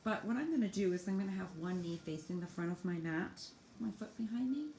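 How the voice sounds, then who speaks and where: Talking fast and animatedly in a mellow, mid-range voice, a female teacher demonstrates yoga stretches for children. Her instructions are simple, encouraging, and given step by step, and the room is echoey with faint background noise.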